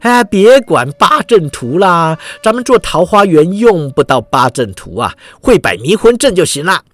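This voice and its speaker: A man's voice: high voice, big pitch swings, normal speed, fairly bright tone, no echo, exaggerated voice. A man voicing a boastful, cowardly old male charlatan immortal who protests in a flustered, whiny way. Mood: evasive.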